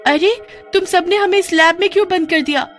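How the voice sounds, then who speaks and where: A woman's voice: very high-pitched, brisk, fairly bright tone, faint music behind, pitched above the performer's own voice. A woman voicing two young schoolgirl sisters, hurt but brave, who speak earnestly and plead.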